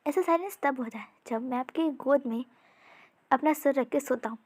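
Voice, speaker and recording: A woman's voice: sits high, normal speed, a little mellow, natural voice. Woman voicing a chatty, mischievous young prince. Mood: fond. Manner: eager, playful, talkative.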